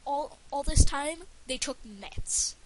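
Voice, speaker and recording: A woman's voice: high voice, lively intonation, slow pace, poor audio. A woman giving casual gameplay commentary for a let's play, rambling and stumbling over her words with lots of fillers. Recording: faint hiss under the voice.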